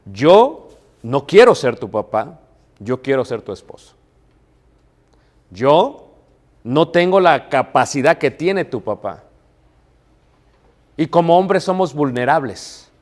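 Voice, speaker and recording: A middle-aged man with a Mexican Spanish accent and a slightly high voice preaches a sermon on marriage. He stresses his points, repeats key phrases and asks rhetorical questions.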